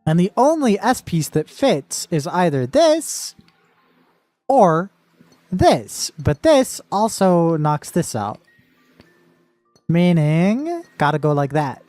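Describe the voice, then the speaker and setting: A woman streamer thinks out loud over a puzzle game, teasing and cursing in a bouncy, swooping voice. Her mic is close and dry, with faint music playing underneath. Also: lowish voice, very animated, takes it slowly, pauses often, no echo. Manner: playful, swearing, talking through puzzle logic aloud. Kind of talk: casual live gameplay commentary.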